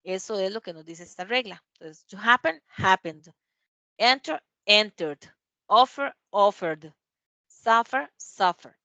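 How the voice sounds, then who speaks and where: Woman, English teacher, dry sound, slow careful examples. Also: medium pitch, expressive, sharp tone, no echo, lo-fi sound. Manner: reads English examples aloud slowly, checks with "¿verdad?". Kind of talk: classroom grammar explanation. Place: classroom.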